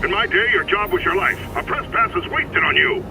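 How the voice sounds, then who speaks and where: Jameson, high-pitched barking older boss. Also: male voice, animated, a little fast, creaky, over music, poor audio. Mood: irate, scolding. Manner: barking, scolding. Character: irascible, bossy older male newspaper boss. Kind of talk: video game voice acting.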